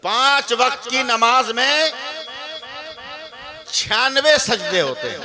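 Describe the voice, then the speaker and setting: Slow, high-voiced man preaching to a crowd. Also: expressive. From West Bengal. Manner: slow, repetitive, asks the crowd questions, joking asides. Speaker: Islamic preacher. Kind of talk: religious sermon at a public gathering. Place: open-air religious conference. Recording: live sermon over loud crowd noise.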